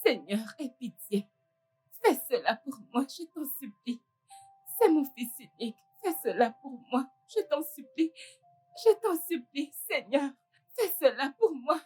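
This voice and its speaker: A desperate, pleading widow. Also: female voice, high-pitched, big pitch swings, measured pace, mellow, soft background music. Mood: praying. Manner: pleading, sobbing, praying. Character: desperate poor widow begging for her dying son.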